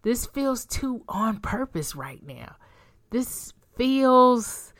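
A woman's voice: fairly high pitch, very animated, extremely slow, a bit bright, pitched above the performer's own voice, exaggerated voice. A woman voicing a young woman in a romance audiobook, hesitant and wry with her lover. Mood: musing.

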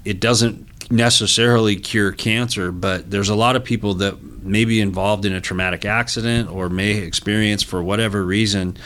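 Low-voiced earnest male executive. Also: steady tone, fairly bright tone. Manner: earnest, halting, with many restarts. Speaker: business executive guest. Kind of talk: interview talk.

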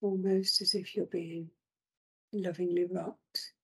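A woman slowly guiding a relaxation meditation in a soothing voice, often dropping to a whisper. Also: fairly low pitch, flat delivery, breathy edge. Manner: slow, soothing, drifting into whispers.

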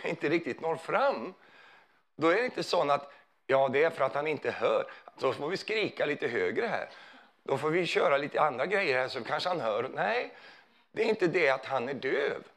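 A man's voice: fairly high pitch, sing-song, gravelly, a bit bright. A man preaching a sermon in a conversational way, often putting questions to his listeners.

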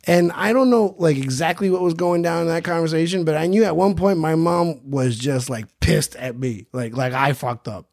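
A man's voice: fairly high pitch, moderate pace, vocal fry, hardly any pauses, a little mellow, dry recording, studio quality. A man from Queens, New York, hosting a podcast and telling a childhood story in a profane, self-mocking comic way. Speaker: podcast host. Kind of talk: comedic storytelling.

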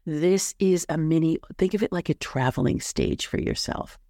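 A woman's voice: low-pitched, normal speed, dark tone, dry recording, clean studio sound. A woman hosting a solo advice podcast in an upbeat, tidy, encouraging manner, like a coach reading prepared tips. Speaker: astrology coach and podcast host.

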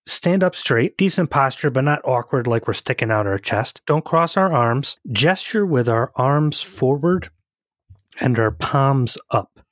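A man's voice: mid-range voice, no room sound, clean studio sound. A man co-hosting a podcast in casual chat, talking loosely with restarts and frequent laughs. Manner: chatty, rambling with restarts, laughs often. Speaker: podcast co-host.

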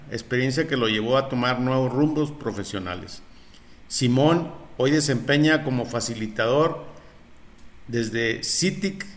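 A man hosting an interview, introducing his guest in a formal, measured way. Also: mid-range voice, a bit bright. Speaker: podcast host.

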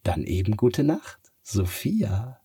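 A man's voice: on the low side, sing-song, warm tone, slightly rough, dry recording, clean studio sound, heavily acted. A man voicing a sly, kind talking cat from the moon in a bedtime story, purring and teasing. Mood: gentle. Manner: purring, drawn-out teasing delivery.

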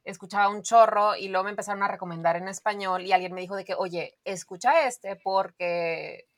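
A woman with a medium-pitched voice chats on a podcast. She speaks slangy Spanglish, sliding English words into Spanish in a casual way. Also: level tone, rapid-fire.

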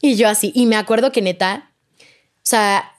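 A young woman appearing as a podcast guest tells a personal story in casual conversation, speaking at medium pitch and a normal speed. She's animated, quotes what others said, and leans heavily on fillers like "de que" and "o sea."

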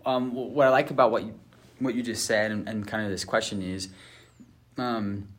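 A man's voice: fairly low pitch, steady tone, moderate pace. A man hosting a casual discussion as a therapist, earnest and full of fillers and restarts. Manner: earnest, many fillers and restarts, acts out couples' voices. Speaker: host and therapist.

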